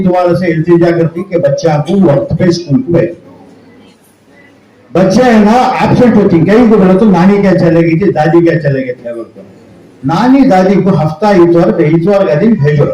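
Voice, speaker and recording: A man's voice: fairly high pitch, mellow, echoey room, dull audio, slight background noise. A man giving an earnest public speech at a school function, urging parents to educate their children. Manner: earnest, exhorting, repetitive pleading. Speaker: school society speaker at prize distribution.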